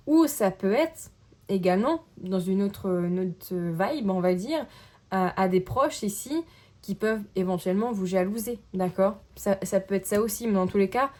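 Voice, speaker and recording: Speaking in a mid-range voice, a woman gives a casual tarot reading to camera. Her manner is gentle and searching, and she keeps checking in with the listener.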